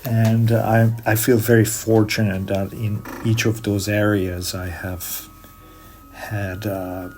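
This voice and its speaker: Soft music plays behind a middle-aged Hungarian man, a guest organist and composer, as he answers interview questions in careful English. His lowish, slightly mellow voice stays level, broken by frequent pauses and fillers.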